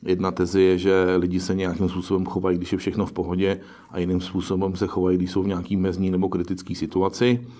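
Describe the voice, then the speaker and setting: Low, flat-voiced man being interviewed. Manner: pragmatic, musing, self-correcting. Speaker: investor interviewee. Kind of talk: interview answers.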